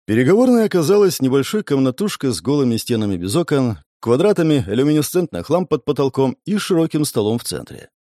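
Male audiobook narrator, brisk and expressive, lively pitch, dry close-miked sound. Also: no echo. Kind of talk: first-person story narration.

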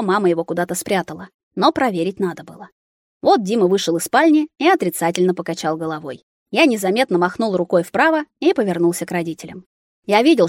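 A woman's voice: fairly low pitch, no room sound. Woman narrating an audiobook, dry sound.

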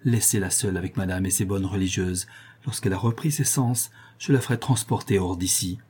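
A man's voice: deep voice, fairly quick, darkish tone, slightly rough. A man voicing an indignant elderly nobleman who fiercely protects a sick girl, speaking in an impassioned, pleading way.

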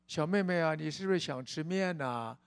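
A man voicing a kind old woman who sells noodles in a retold story, speaking gently and coaxingly. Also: low voice, moderate pace, clean tone. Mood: kindly.

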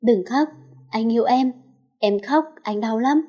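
A woman's voice: on the high side, measured pace, warm tone. A woman voicing a loving, protective young husband in a storybook reading. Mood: soothing. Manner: urgent, then soothing.

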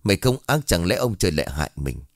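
A weary older village chief speaks low and urgent, hushing his wife while fear shows through. A male narrator voices him. The delivery is dry and close, with quick, worried phrasing. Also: very animated, no room sound. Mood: hushed. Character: older village head, frightened but dutiful.

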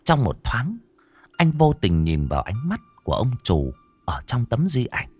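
A man's voice: medium pitch, wildly swooping pitch, a little slow, music in the background. A man narrating a scripted ghost story in a dramatic, suspenseful way.

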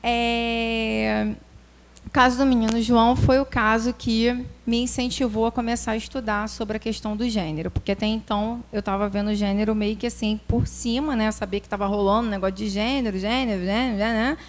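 A female preschool teacher tells an animated story from her own classroom, voicing the people she quotes and using religious phrasing in a personal testimony. Her pitch is fairly high, her pace fairly quick, with a little background noise.

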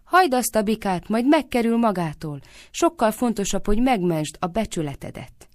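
A woman's voice: animated, vocal fry, darkish tone, dry recording. A woman doing a spiteful, scolding village busybody. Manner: shrill scolding accusations. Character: scheming suspicious old woman, quick to anger.

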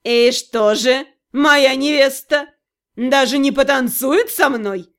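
A woman voicing a drunk, arrogant young prince who drawls and sneers menacingly. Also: high-pitched. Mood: mocking. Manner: slow, drawn-out, sneering.

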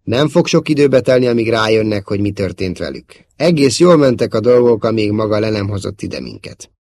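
A man's voice: fairly low pitch, lively intonation, a little mellow, dry recording, clean studio sound. A man voicing a cocky smuggler who grumbles and answers with mock politeness. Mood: grumbling. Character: cocky smuggler, sarcastic and impatient.

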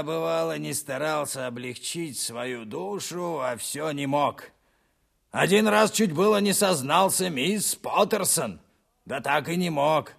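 A very gravelly, creaky working-class informer in an audiobook. He is sly and self-pitying, wheedling slowly in a fairly high voice with a sanctimonious whine. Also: fairly bright tone, exaggerated voice. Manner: wheedling, sanctimonious, drawn-out pleading. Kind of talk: dramatized audiobook reading.

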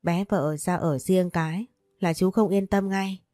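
A woman's voice: fairly low pitch, steady tone, measured pace, warm tone, no room sound, clean studio sound, lightly acted. A woman voicing a doting, possessive older man who speaks tenderly but bossily to his young lover in a storybook reading. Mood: scolding tenderly. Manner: tender, teasing, bossy.

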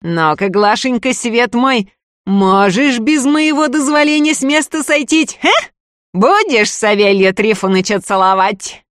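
A woman's voice: fairly high pitch, a little slow, no echo, clean studio sound, voice pushed up, lightly acted. A woman voicing a toothless, one-eyed male village sorcerer, drawling and taunting in a storybook reading.

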